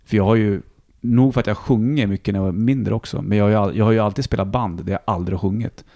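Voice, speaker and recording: A man with a Hälsingland Swedish accent talks in a relaxed, rambling way, swearing easily. His voice sits low with a gravelly fry running through it. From Sweden, Hälsingland. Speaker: musician and radio host, guest. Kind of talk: casual conversation.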